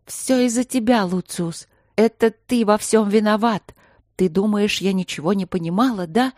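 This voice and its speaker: A woman reading a novel aloud, voicing a desperate, furious queen who shouts and sobs accusations at her husband. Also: mid-range voice, moderate pace, no room sound, clean studio sound, pitched above the performer's own voice, natural voice. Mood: anguished fury.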